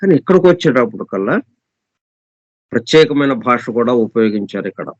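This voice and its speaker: On a dull, dry lo-fi recording with no echo, a spiritual teacher explains scripture, reading English passages very slowly and deliberately repeating and listing synonyms. His voice is mid-range and expressive.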